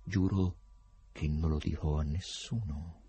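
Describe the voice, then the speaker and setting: A man voicing a courteous foreign stranger in a radio reading of a novel, slow and exaggeratedly polite. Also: rumbling low, fairly even intonation, warm tone, husky, heavily acted. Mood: ingratiating. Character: suave foreign stranger, courteous, eerily curious.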